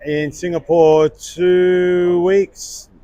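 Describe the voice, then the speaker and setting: A man, answering a street interview in a relaxed, rambling way with lots of fillers. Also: high voice, drawn-out words, no room sound. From Sydney, Australia. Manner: relaxed and chatty, with many filler words.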